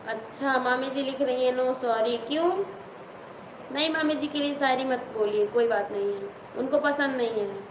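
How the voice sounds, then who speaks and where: A woman's voice: high voice, normal speed, background noise. A woman with an Awadhi accent, a folk singer hosting a live stream, reading out viewer comments and greeting viewers by name. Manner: reads out viewer comments and greets them by name between songs. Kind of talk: live stream chat with singing. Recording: echoey room with music behind.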